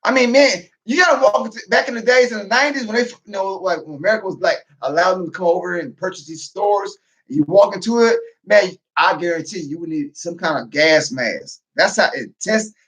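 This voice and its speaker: A man, a military veteran, talking in a loud, profane, casual monologue, breaking into laughter as he goes. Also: high-pitched, fairly quick. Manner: loud, profane, laughing asides, animated rant.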